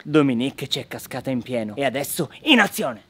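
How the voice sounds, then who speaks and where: A man's voice: mid-range voice, sing-song, brisk, a bit bright. A young man vlogger with a sly, teasing, mock-innocent manner in a scripted prank skit. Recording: background music bed. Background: background music.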